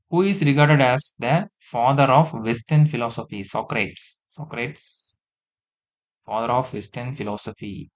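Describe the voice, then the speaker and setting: A man, teaching an exam-prep lesson, reading multiple-choice questions and repeating each answer slowly, often dropping into quieter asides. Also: mid-range voice.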